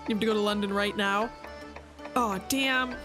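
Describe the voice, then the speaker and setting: A woman's voice: mid-range voice, steady tone, normal speed. A young woman streaming a video game, chatting casually and jokingly with her chat. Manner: chatty, jokey, rambling asides to chat. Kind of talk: casual livestream chat while playing. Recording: game stream with loud music behind.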